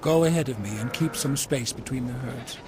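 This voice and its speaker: A man's voice: mid-range voice, moderate pace, background noise, close to an everyday voice. An actor playing Jacob as an anxious, humble herdsman patriarch in a Bible audio drama, solemn and earnest, with music behind him. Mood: careful, commanding.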